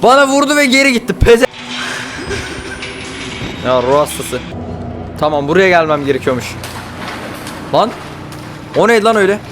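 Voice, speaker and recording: A man narrates his horror-game run live, slipping from muttered remarks into panicked yelling and swearing. His voice sits high and swings wildly in pitch. Clear game music plays underneath him. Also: big pitch swings, moderate pace, long pauses. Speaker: gamer playing a horror game. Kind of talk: live gameplay commentary.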